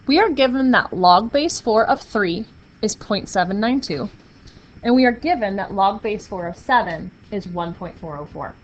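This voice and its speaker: Her medium-pitched, expressive voice moves at a normal speed as she lectures a math class. The woman stays upbeat and playful, encouraging her students, while the muffled classroom recording carries faint noise.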